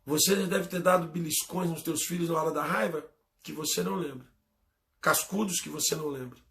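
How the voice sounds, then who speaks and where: A man preaching a sermon as pastor, with a Brazilian Portuguese accent, swinging between loud emphatic bursts and quiet low asides. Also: brisk, gravelly.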